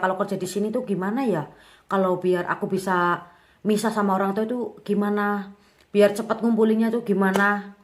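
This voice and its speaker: A young woman in her twenties telling her own life story in a candid, chatty way with lots of casual fillers. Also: mid-range voice. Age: 20s. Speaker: young mother vlogger.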